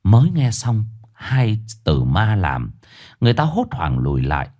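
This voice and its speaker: A man narrating a ghost story in a dramatic, lively way. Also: fairly low pitch, a little slow. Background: faint music.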